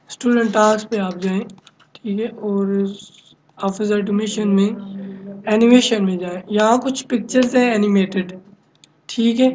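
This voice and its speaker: A man teaching a software lesson on a screen recording, explaining each step, often checking with "okay?", and mixing in English technical terms. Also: high-pitched, slight background noise, rough recording. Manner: mixes many English software terms into his talk. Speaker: computer instructor.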